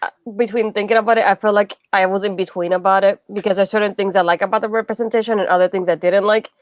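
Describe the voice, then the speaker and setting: This Puerto Rican woman talks quickly in a casual book chat, with a Puerto Rican accent and a steady stream of "like". Her voice sounds dry and close, but the audio is a bit dull and lo-fi. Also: mid-range voice, dry recording. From Puerto Rico. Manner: chatty, frequent "like", animated asides. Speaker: book club co-host.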